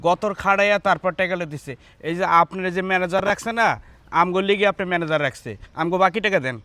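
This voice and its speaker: A man's voice: high voice, fast talker, sharp tone, dry recording. A man playing an aggrieved poor laborer. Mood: pleading. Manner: pleading, then defiant and threatening. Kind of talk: short-film drama acting.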